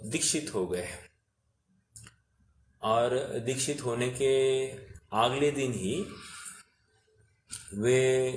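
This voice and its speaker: A man teaching a scripture class, asking his students questions and explaining slowly and patiently with many pauses. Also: medium pitch, slight background noise. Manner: asks the class questions and repeats their answers. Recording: echoey room recording.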